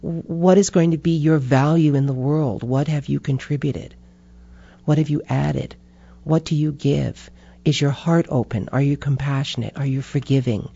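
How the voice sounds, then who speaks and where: An older woman chats with lively, laughing energy and slips into little acted-out voices as she tells stories. Her tone is mellow and dark rather than bright. The recording is dull and lo-fi. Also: low-pitched, normal speed, creaky, slightly rough. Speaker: guest. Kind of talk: casual chat.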